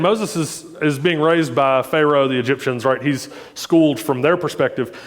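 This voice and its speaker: Joking conversational preacher, man, echoing hall. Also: fairly high pitch. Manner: conversational, joking asides, frequent "right?". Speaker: pastor. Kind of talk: sermon.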